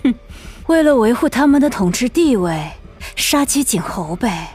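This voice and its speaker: A man's voice: very high-pitched, sing-song, moderate pace, a little mellow, pitched above the performer's own voice. A man voicing a proud queen who speaks with cold, mocking scorn. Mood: scornful. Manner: scoffing, mocking.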